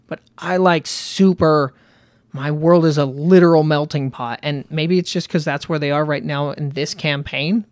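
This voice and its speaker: A man co-hosting a casual podcast chat about running tabletop games, animated and laughing often. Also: a little high, moderate pace, no echo. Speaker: podcast co-host and game master.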